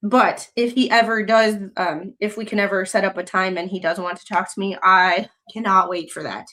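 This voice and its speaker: A young American woman hosts a casual livestream, rambling with many fillers and restarts and reading news excerpts aloud. Her voice is medium-pitched, steady, pushed and bright, at a moderate pace.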